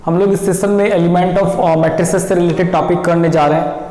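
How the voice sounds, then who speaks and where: A man's voice: high voice, steady tone, moderate pace, dark tone. A male math teacher lecturing a class. He keeps asking questions and answering them himself. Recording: echoey room, long reverb.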